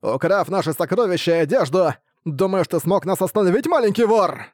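A man voicing a boisterous barbarian khan warlord who shouts a boastful rallying speech in an audiobook. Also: high voice, lively intonation, a little fast, no room sound, clean studio sound, voice pushed up. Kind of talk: audiobook character voice.

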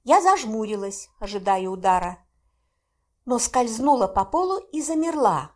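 A woman narrating a first-person fantasy audiobook in an expressive, animated reading. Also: fairly high pitch, moderate pace.

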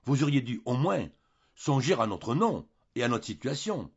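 A man's voice: medium pitch, big pitch swings, measured pace, gravelly, husky, lo-fi sound, voice pushed up, heavily acted. Man doing a furious, bellowing young husband. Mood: stern. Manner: loud, outraged shouting. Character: indignant young husband, greedy, shouting.

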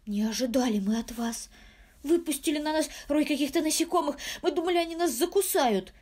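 Indignant young fairy sisters, put on by a woman, shrill, high, huffy. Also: a little fast, darkish tone, lightly acted. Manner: indignant, squeaky. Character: twin sisters, young weather fairies, offended and shrill.

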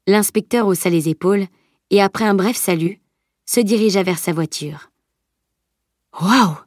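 Woman reading a novel out loud, calm and even, mid pitch, super dry close mic. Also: moderate pace, no room sound. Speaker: audiobook narrator. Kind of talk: scripted narration. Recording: dry close audiobook recording.

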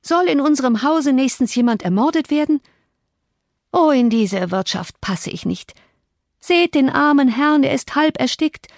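A woman voicing a stout middle-aged housekeeper who scolds loudly and fusses briskly. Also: high voice, expressive, vocal fry, no room sound, clean studio sound, voice pushed up, exaggerated voice. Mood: scolding. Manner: scolding, then briskly helpful.

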